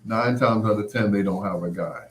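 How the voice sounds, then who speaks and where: A man with a lowish voice speaks at a moderate pace while hosting a late-night show. It's a casual, rambling monologue of anecdotes and quoted past exchanges, recorded with roomy echo.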